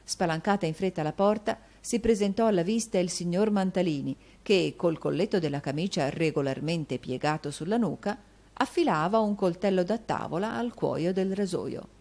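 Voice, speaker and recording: A woman narrating a classic novel as an audiobook in a measured, even reading manner. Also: lowish voice.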